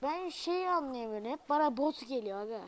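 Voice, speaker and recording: A young woman commentating her own gameplay, alternating muttered remarks with loud frustrated outbursts and asides to viewers. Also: sits high, brisk. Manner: excitable, frustrated outbursts at the game; talks to viewers, asks them to subscribe. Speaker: gaming video creator; student.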